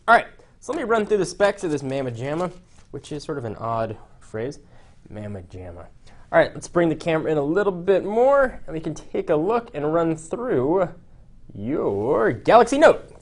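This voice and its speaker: A young man chatting casually through a phone unboxing, jokey and full of "uh" fillers. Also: a little high. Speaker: tech reviewer.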